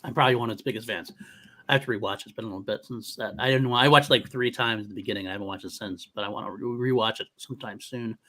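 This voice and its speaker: A man co-hosting a casual movie debate. His voice is bright and forceful, and he often circles back to repeat a phrase. He keeps restarting sentences mid-thought. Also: lowish voice, rapid-fire. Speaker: co-host.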